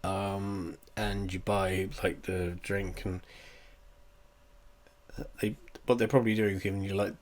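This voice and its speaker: A man's voice: sits low, level tone, unhurried, pauses often. A man, stuffed up and coughing, giving a meandering, profane, wry review at home. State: congested, coughing. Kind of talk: rambling casual review. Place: at home indoors.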